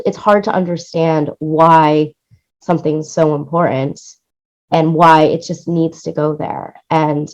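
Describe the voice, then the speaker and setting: Interviewed as a guest, a woman who works as a music supervisor and producer describes her production work, eagerly and at length. Her voice sits low with a darkish tone, and the sound is lo-fi.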